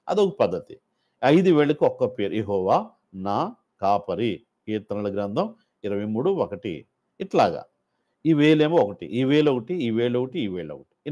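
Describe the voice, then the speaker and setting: A man's voice: medium pitch, warm tone. Guy walking teachers through memory-verse games, chatty, lots of "ah" fillers. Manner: explains step by step, with many fillers and restarts. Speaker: Sunday school teacher trainer. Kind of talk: instructional talk.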